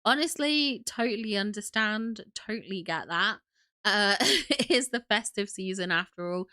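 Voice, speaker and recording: A woman's voice: medium pitch, lively intonation, unhurried, bright, forceful tone. A young woman hosting a casual livestream, sniffly from a cold, gushing and chatty as she greets viewers. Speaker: livestream host.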